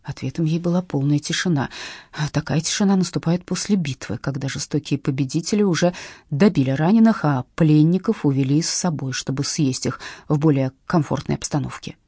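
A woman reading an audiobook aloud in an expressive, wry storytelling manner. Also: sits low, brisk, slightly rough, dry recording, studio quality. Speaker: audiobook narrator.

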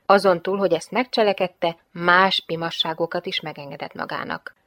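A woman's voice: fairly low pitch, steady tone, a bit bright, dry recording. A woman reading a novel aloud as an audiobook narrator, with a wry, ironic delivery.

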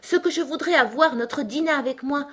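A woman's voice: on the high side, animated, a little fast, voice pushed up. A woman reading the part of an earnest, eager-to-please young girl in a storybook.

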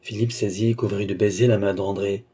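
A man narrating a classic novel as an audiobook, measured and expressive. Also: on the low side, slightly rough.

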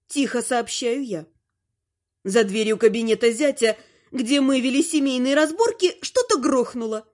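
Brief: woman audiobook narrator, high voice, theatrical and lively. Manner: lively, theatrical first-person reading.

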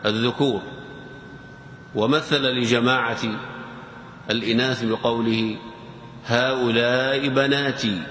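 Man lecturing slowly in an echoey hall. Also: mid-range voice, fairly bright tone. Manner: slow, deliberate, repeats key words and examples. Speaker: teacher of Arabic grammar. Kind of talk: formal classroom lecture. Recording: echoey hall with faint noise.

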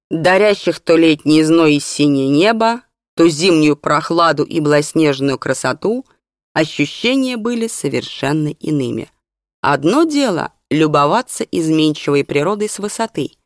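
An audiobook narrator reading a story in calm, even storytelling. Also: medium pitch, no echo, studio quality. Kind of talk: scripted narration.

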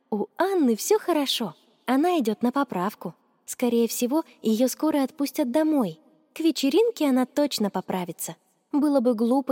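A woman voicing a nervous, flustered teenage schoolgirl with squeaky, breathless exclamations. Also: warm tone, in a large hall.

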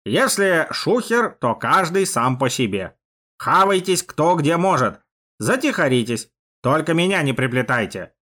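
A man plays a wily old priest who was once a balalaika player. He speaks in a gruff, folksy way, bossing the young men around in a commanding tone with a slightly distant sound. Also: on the high side, big pitch swings, unhurried, pushed and bright, voice pushed up, full character voice. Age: older. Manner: gruff, folksy, barks orders.

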